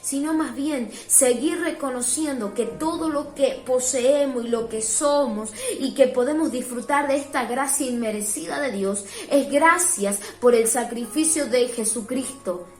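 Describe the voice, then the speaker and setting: A woman's voice: high voice, a little slow, hardly any pauses. A woman leading a home devotion beside her husband. She speaks earnestly, quotes Bible verses and answers with "amén". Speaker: preacher's wife, co-leading devotion. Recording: roomy echo with faint music.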